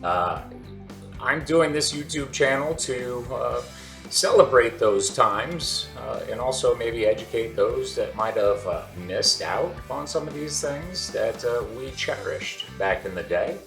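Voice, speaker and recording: A channel host in his forties rambles through a casual vlog, full of fillers and restarts. His medium-pitched voice is expressive, a little slow, a bit bright, with vocal fry, recorded in an echoey room with faint background music.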